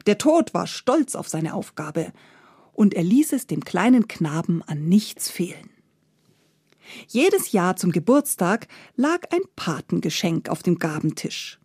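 A woman reading a fairy tale aloud as a calm, lively storyteller. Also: lowish voice, measured pace, breathy edge, dry recording, clean studio sound.

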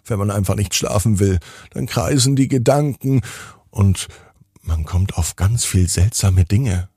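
Gravelly, lilting bedtime storyteller man. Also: low-pitched, a little mellow, no room sound, studio quality. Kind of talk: children's bedtime story narration.

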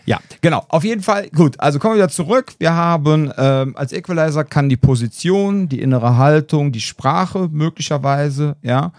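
A man's voice: on the high side, normal speed, few pauses, darkish tone, dry recording, studio quality. A man co-hosting a podcast, chatting casually and rambling through colorful analogies as a self-defense trainer.

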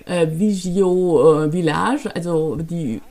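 A woman from Hamburg with a Hamburg German accent, a travel journalist answering interview questions thoughtfully, with frequent filler pauses. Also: lowish voice, warm tone. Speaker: guest, travel journalist and author.

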